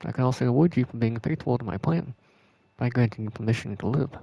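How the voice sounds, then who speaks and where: A man reading a gloating sorceress villain, gravelly. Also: mid-range voice, fast talker, dull audio, heavy background noise, lightly acted. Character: scheming sorceress, woman, cold, haughty villain. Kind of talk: reading game dialogue aloud.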